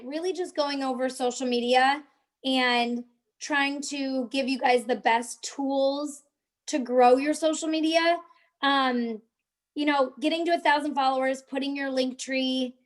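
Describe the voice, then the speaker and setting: A young woman hosting a casual live-stream tutorial, chatting with viewers in the chat as she walks them through social media tips. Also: sits high.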